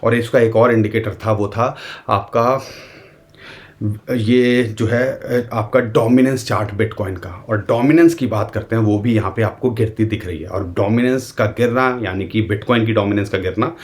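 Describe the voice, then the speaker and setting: A man's voice: fairly low pitch, normal speed. A man with an Indian accent giving a casual, conversational market analysis straight to his viewers, speaking as "we". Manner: conversational, addresses viewers directly, uses the royal we. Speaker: crypto market commentator.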